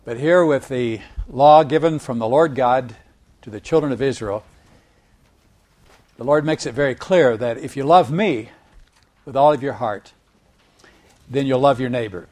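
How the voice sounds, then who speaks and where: A man preaching a sermon in a measured teaching tone. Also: mid-range voice, a little mellow. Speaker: pastor.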